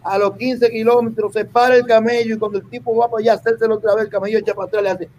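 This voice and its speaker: High-voiced man telling jokes. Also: very fast, a little hiss or hum, low-quality recording. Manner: animated storyteller acting out quotes. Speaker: comedian. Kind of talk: joke-telling on a podcast.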